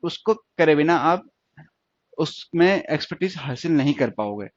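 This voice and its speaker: A man teaching shorthand to a class walks through it step by step, going over every point again and asking checking questions. He is a stenography teacher whose slightly high voice is lively and unhurried, recorded dry with a dull, lo-fi sound.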